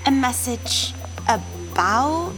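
Woman as a squeaky, excitable young hero. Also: very slow, soft background music, heavily acted. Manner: eager, jokey. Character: excitable, playful young hero who addresses the listeners. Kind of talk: kids' audio drama.

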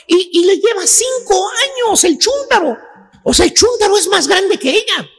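A Mexican man ranting comically on a radio talk show, rapid and slangy, often shouting and laughing. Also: extremely high pitch, lively intonation, gravelly.

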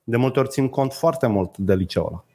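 A man's voice: medium pitch, animated, warm tone. A man co-hosting a casual podcast chat, blunt and crude, arguing his points plainly. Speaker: podcast co-host.

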